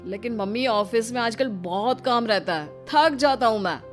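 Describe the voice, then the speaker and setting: A woman's voice: on the high side, expressive, normal speed, over music, close to an everyday voice. A woman voicing a tired, exasperated young husband who grumbles wearily in a cartoon moral story. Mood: weary. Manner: weary, grumbling.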